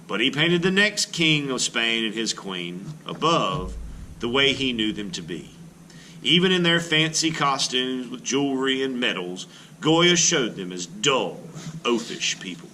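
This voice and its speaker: This is an art teacher giving an expressive storybook reading of a children's book, interrupting himself with asides for his class. His voice is bright and crisp, and his pitch rises and falls widely. There's a faint hiss beneath it all.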